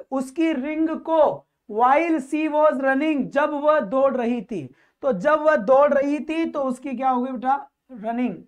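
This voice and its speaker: A man with a notably high voice runs an online exam-coaching lesson. He explains English grammar in Hindi and quizzes his students, calling each one "beta". He breaks off to chat about his courses. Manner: chatty, mixes in course announcements. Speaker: exam-prep teacher.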